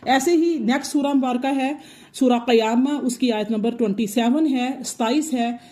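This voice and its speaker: Female recitation teacher, higher-pitched, patient and repetitive delivery. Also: warm tone. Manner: patient, repeats points slowly. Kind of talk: explanatory tajweed lesson.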